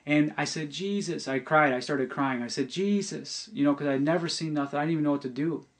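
A middle-aged man gives a personal testimony for a podcast with a fairly high pitch and level tone. He speaks earnestly but haltingly, often starting over and repeating himself.

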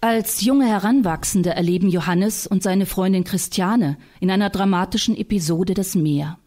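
Mellow-voiced female reader. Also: medium pitch, moderate pace. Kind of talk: scenic literary reading.

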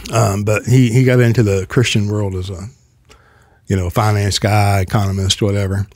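An older man hosting a casual podcast conversation, telling stories in a rambling way and clearing his throat often, at a boom mic in a small office studio. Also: flat delivery, normal speed, a little mellow, dry recording. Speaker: podcast host. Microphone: desk podcast mic on boom arm.

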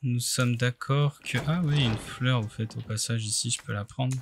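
A man's voice: medium pitch, fairly even intonation, normal speed, a little hiss or hum. A man doing casual let's play commentary, thinking aloud and muttering hesitantly to himself in short bursts. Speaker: let's play video game streamer.

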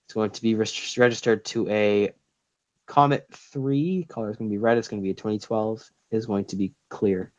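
A man's voice: lowish voice, fairly quick, no echo. A man playing a police dispatcher over the radio, clipped and procedural, using radio codes. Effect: heard over police radio. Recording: muffled radio with faint hiss.

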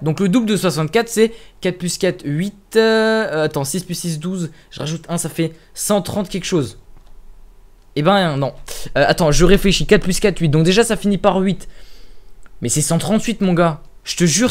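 A man's voice: high voice, moderate pace. Chatty young Frenchman gaming. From France. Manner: chatty, self-mocking, thinks out loud, swears. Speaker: gaming youtuber. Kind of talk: casual let's-play commentary. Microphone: headset.

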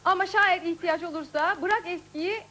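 A woman's voice: very high-pitched, moderate pace, pushed and bright. A woman hosting a casual live TV show, chatting, laughing and reading out viewer faxes. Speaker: TV show host.

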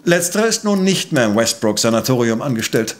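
An actor playing an exacting, self-assured professor and amateur sleuth in a German audio drama, speaking precisely and pompously. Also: male voice, mid-range voice, sing-song, brisk, close to an everyday voice. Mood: analytical, assured.

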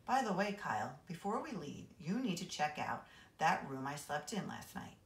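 A casual, offhand schoolgirl chatting with her friend, as a woman reader puts her on. The voice is low and lively, with an echoing room around it. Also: moderate pace. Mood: chatty. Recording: roomy echo.

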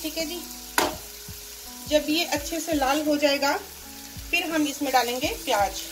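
A woman's voice: high-pitched, a little slow, noisy background. A woman chatting casually at home as she explains a cooking recipe step by step. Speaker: cooking vlogger. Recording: music playing behind.

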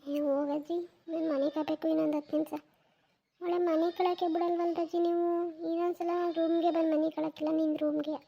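Woman playing a cartoon boy, sleepy, whiny, lazy, high-pitched. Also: level tone, a little fast, creaky, dull audio. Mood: sleepy whining. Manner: whiny, drowsy pleading. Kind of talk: cartoon voice acting.

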